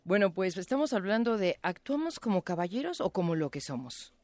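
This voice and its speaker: A man's voice: sits high, big pitch swings, brisk, darkish tone, dry recording. A man interviewing a guest, asking questions and often breaking in with short agreement. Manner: attentive, frequent short agreement.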